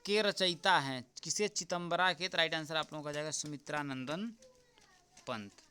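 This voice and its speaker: A man teaching as an exam tutor, going through a paper answer by answer, repeating the key answers slowly and often checking with "right?". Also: on the high side, bright, forceful tone, slight background noise. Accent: Hindi. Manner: repeats answers slowly, keeps asking "ठीक?"; addresses viewers as friends.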